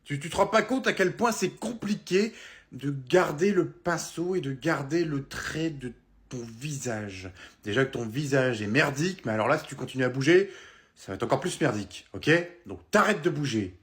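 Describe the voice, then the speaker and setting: Young guy doing comedy skits, kinda high voice, all over the place loud then quiet. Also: normal speed. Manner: animated, exaggerated, swings between shouting and muttering. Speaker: sketch comedian. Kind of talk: comedy sketches, several roles.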